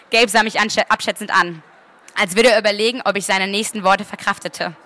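A woman author reading her novel aloud at a book fair, lively and expressive. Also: mid-range voice, moderate pace.

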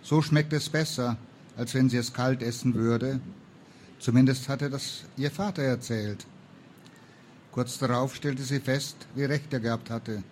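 A man reading a historical novel aloud in a calm, even storytelling manner. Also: medium pitch, unhurried, slight background noise. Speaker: reader.

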